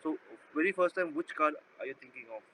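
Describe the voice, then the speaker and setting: A man's voice: fairly high pitch, fast, sharp tone. A man talking casually through a card trick like a magician, repeating himself and often checking with his listener. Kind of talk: casual patter while doing a trick. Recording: noisy background hum.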